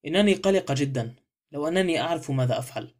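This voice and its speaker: Gentle worried old spinster, read by a man. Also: a little high, expressive, very fast, close to an everyday voice. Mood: grave. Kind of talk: audiobook character reading.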